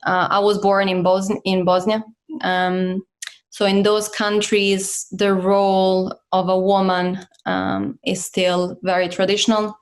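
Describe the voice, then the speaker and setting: A woman CEO of Croatian origin who grew up in Italy is a guest in a casual interview. Her mid-range voice is level and slow, and her speech is full of fillers and restarts.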